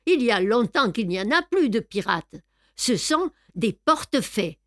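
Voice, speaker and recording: A woman's voice: fairly high pitch, sing-song, unhurried, a bit bright, no echo, clean studio sound. A woman voicing a blunt, exasperated male sea captain in a storybook reading. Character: gruff blunt southern sea captain, man.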